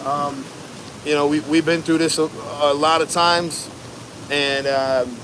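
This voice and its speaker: A laid-back American man chats casually to a livestream from outdoors. His voice sits a little on the high side, and he rambles in easy slang. Strong wind and rushing ambient noise run behind his words. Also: steady tone. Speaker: livestream host, barber. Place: outdoors at home during a windy storm. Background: wind and rushing water ambience.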